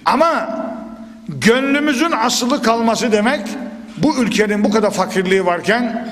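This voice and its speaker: A man preaching a Quran commentary lesson into a pulpit microphone, animated and full of sudden emphatic bursts and questions to his listeners. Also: high voice, moderate pace. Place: at a pulpit in a large reverberant hall. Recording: long hall reverb.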